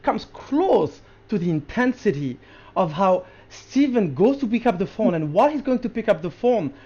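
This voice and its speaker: Excited podcast co-host rambling about a show, lots of restarts, dull lo-fi sound. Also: medium pitch, slightly rough. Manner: excited, rapid, with many restarts. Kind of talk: casual chat, film review. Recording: lo-fi podcast audio.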